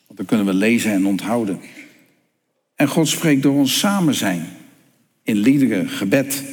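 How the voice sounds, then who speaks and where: A man preaching a sermon, unhurried, pausing often and dropping softly into spoken prayers. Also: mid-range voice, in a large hall. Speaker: pastor.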